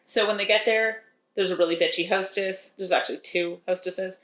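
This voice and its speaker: A woman's voice: medium pitch, fairly even intonation, normal speed, fairly bright tone, roomy sound. A woman co-hosting a podcast, recapping a romance novel in a chatty, wry way and laughing often. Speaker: podcast co-host recapping a book. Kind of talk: casual chat.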